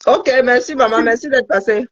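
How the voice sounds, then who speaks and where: Guy doing an interview, calm, keeps asking questions, dry muffled sound. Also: extremely high pitch, fairly quick, no room sound. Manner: calm, questioning, talks over the guest.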